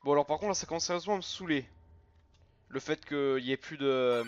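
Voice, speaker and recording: A man giving animated, chatty let's-play commentary with quick outbursts of frustration, over a dull recording with faint game music. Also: on the high side, slight background noise. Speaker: gaming youtuber.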